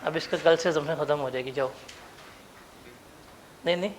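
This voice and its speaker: A man's voice: on the high side, normal speed, slight background noise. A male teacher, teasing and coaxing his students to come up to the board during a classroom lecture.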